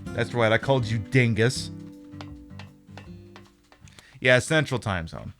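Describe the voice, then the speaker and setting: A man's voice: mid-range voice, lively intonation, moderate pace, fairly bright tone, faint music behind. A man hosting a casual game livestream with joking, sarcastic, sweary commentary. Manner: sarcastic, profane. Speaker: game streamer, host.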